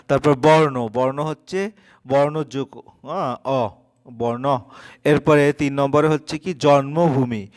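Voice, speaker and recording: A male teacher giving a spoken exam-prep lesson. He explains step by step, reads out the answers and uses many fillers. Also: medium pitch. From West Bengal, India.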